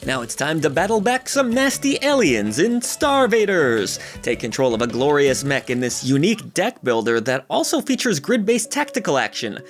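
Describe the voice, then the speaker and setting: A man's voice: a little high, very animated, moderate pace, hardly any pauses. A man narrating a scripted roundup of new game releases in an upbeat, jokey way, with playful asides, over background music. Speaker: gaming channel host.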